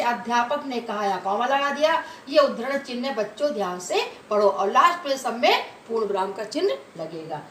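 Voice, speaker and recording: A woman's voice: high voice, fairly bright tone. A woman teaching a grammar lesson to children, explaining step by step and often checking that they follow. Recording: echoey room with faint noise.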